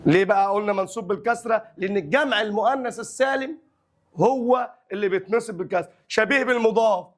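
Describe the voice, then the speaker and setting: A young adult man with an Egyptian accent teaching an Arabic grammar lesson. He drawls the example phrases slowly and then explains them briskly in colloquial speech. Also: sits high.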